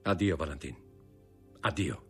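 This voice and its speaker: A man voicing a proud young man in an audiobook reading, grave, measured and bitter. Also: rumbling low, slightly rough, soft background music, exaggerated voice. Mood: cold.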